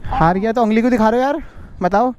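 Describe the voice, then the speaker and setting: A man's voice: high-pitched, fast, muffled recording, slight background noise. A young man vlogging at a bike race, arguing insistently and repeating himself. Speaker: motovlogger. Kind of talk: heated argument on camera. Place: outdoors at a bike drag race. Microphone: handheld action camera. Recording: outdoors with loud crowd around.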